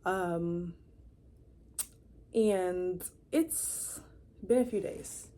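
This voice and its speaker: A woman's voice: on the low side, drawn-out words, warm tone. A 23-year-old woman rambling casually to camera in her room, chatty, with lots of fillers and restarts. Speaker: vlogger. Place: her own room indoors.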